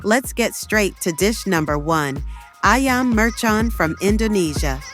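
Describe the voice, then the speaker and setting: A woman narrating a food show in a clear, upbeat scripted voice-over. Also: medium pitch, expressive, unhurried. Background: music.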